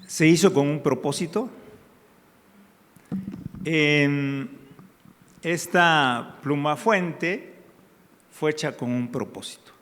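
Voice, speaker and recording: A man preaching a sermon in a church, praying in drawn-out phrases and then teaching with growing emphasis. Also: on the high side, fairly bright tone. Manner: slow, prayerful, drawn-out phrases. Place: church hall. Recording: hall with long reverb.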